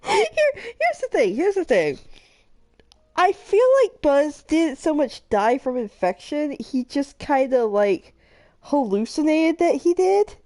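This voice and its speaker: A woman's voice: high-pitched, big pitch swings, slow pace, mellow. A woman hosting a live game stream, chatting casually and reading game events aloud, giggling often between lines. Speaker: streamer host.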